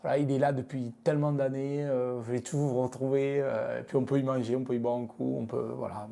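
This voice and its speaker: Gravelly man with a southern French accent. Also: mid-range voice, flat delivery, fairly quick, dark tone. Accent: southern French (Midi). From France, Lozère. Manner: frank, hesitant, many fillers and restarts. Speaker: guest, business leader. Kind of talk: casual interview talk.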